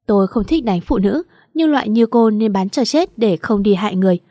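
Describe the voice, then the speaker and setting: A cold, dangerous young man who issues flat, clipped threats, voiced by a female reader. The voice stays mellow and warm, in a dry, close storybook recording. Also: medium pitch, a little fast, dry recording, close to an everyday voice. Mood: menacing.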